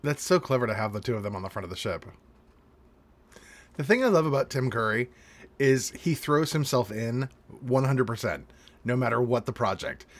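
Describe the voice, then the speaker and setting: A man's voice: medium pitch, expressive, normal speed. A man hosting a movie reaction, chatty and enthusiastic. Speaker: host. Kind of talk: casual reaction commentary.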